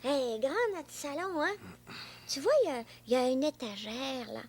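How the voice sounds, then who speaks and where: Kids' TV boy, chatty and bossy, bouncy high pitch, a woman plays him. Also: lively intonation, normal speed, darkish tone, slight background noise. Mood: playful. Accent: Québécois French. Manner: bossy, chatty, engine noises. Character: playful young boy with an imaginary friend. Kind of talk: children's TV acting.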